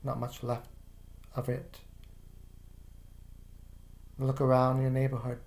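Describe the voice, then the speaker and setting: Slow and soft-spoken, a man narrates a second-person guided visualization in a medium pitch. The tone is calm, with casual fillers woven in.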